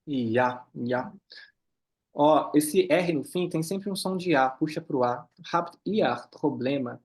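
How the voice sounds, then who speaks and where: A man teaching a German class, reading lines slowly and then explaining them quickly. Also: fairly high pitch, a little mellow. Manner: switches between slow careful German and quick explanations. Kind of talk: online class, reading dialogue and translating.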